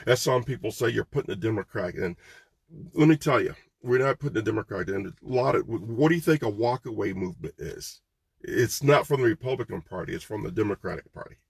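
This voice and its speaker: A man's voice: mid-range voice, creaky, breathy edge, no echo. A man running for office, talking to camera in a loose, conversational campaign vlog, with many ums and restarts. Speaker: political candidate.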